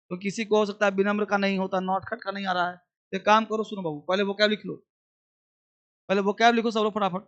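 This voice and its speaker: A man's voice: high voice, fairly bright tone, dull audio. A man teaching a basic English class, drilling words and repeating questions for students to answer.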